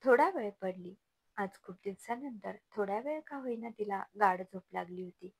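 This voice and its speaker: A woman's voice: mid-range voice, normal speed, slightly rough. A woman narrating a family love story and voicing every character, giving the dialogue emotion as she reads. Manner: voices each character in turn with emotional dialogue. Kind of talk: dramatized story reading, voicing all characters.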